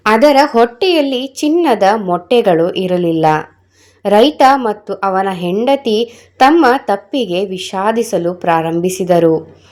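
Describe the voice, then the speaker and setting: With a mid-range voice, a woman narrates a children's story that carries a moral, following a script in a deliberate, expressive storytelling style.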